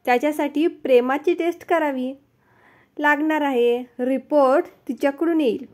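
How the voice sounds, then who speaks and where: A woman voicing a wisecracking male doctor in a joke, giving calm, knowing replies. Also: high voice, normal speed, slight background noise, natural voice. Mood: wry.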